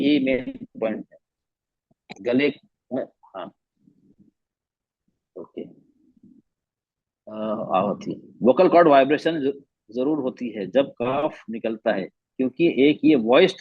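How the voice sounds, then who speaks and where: A man's voice: medium pitch, creaky, husky, dry recording, muffled recording. A man teaching a Quran recitation class online, patiently repeating letter sounds to demonstrate them.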